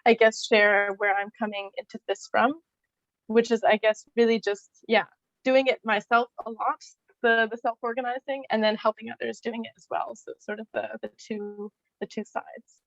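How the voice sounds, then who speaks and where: Woman panelist, somewhat high, flat delivery, dull dry call audio. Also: moderate pace, no room sound. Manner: loose, hesitant, many fillers. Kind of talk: online panel talk. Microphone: video call.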